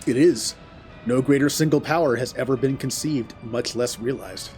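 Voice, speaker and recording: A proud, grandiose fantasy game character, read out by a man. The speech is formal, archaic and declamatory, in a mid-range voice. Soft music sits behind it. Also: medium pitch, moderate pace, lightly acted.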